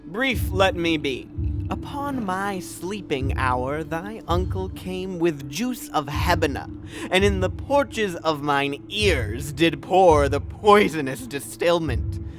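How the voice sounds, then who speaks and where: A man acts out the tormented ghost of a murdered king in a Shakespearean audio drama. The voice is fairly high for a male and very slow, declaiming each phrase with solemn, drawn-out weight. Music plays clearly underneath. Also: lively intonation. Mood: mournful, bitter.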